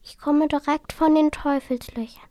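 A woman voicing a small, frightened male otter in a children's story, speaking timidly, slowly and in a hush. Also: high-pitched, steady tone, no room sound, clean studio sound, pitched above the performer's own voice, close to an everyday voice.

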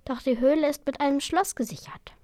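A woman's voice: sits high, a little fast, darkish tone, dry recording, studio quality, natural voice. A woman voicing a shy little girl dragon. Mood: gentle. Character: small shy kind young female dragon.

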